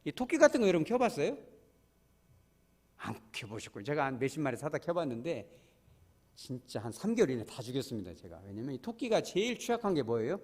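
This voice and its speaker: Lively male pastor in reverberant church. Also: mid-range voice, fast talker. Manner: humorous, colloquial storytelling. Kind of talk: sermon. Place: church sanctuary. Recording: long reverb of a church hall.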